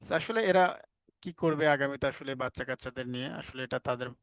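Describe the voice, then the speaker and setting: A man's voice: mid-range voice, a little fast, fairly bright tone, no echo. A man with a Bangladeshi accent teaching an online class, explaining step by step and asking his students questions. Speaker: English teacher.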